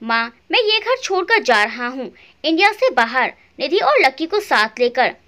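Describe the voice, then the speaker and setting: A woman's voice: sits high, very animated, unhurried, pushed and bright, full character voice. A curt, impatient grown son, as a woman reads him. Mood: dismissive. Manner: brusque, dismissive.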